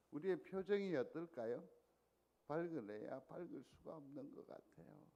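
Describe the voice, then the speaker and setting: In a church sanctuary, a male pastor delivers a Sunday sermon conversationally, often asking the congregation questions. His voice is a little high, with a darkish tone.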